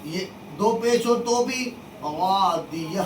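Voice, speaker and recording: A teacher drills a class in call and response, stating each rule and then firing questions back at the students. The voice sits at a middle pitch and comes from well back, off a distant mic. The room rings with echo, and a faint hiss runs underneath. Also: lively intonation, slow pace. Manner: repeats rules and quizzes students with questions. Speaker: religious studies teacher.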